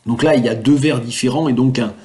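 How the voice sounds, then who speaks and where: A man's voice: mid-range voice, steady tone, a little mellow. Man thinking aloud into a laptop webcam. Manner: thinking aloud, hesitant with fillers and self-corrections; reads English verses slowly. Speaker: translator. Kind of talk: improvised translation video.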